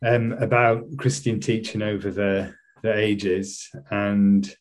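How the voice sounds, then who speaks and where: A college chaplain from West Yorkshire, with a Yorkshire English accent, answers interview questions in a lowish, flat voice, speaking slowly over slight background noise. He's casual and self-deprecating and keeps restarting his sentences.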